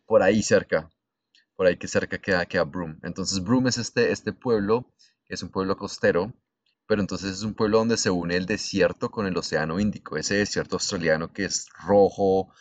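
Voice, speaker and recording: A man's voice: deep voice, moderate pace, no room sound, dull audio. A young adult man with a Colombian accent, telling a story in casual chat with crude slang.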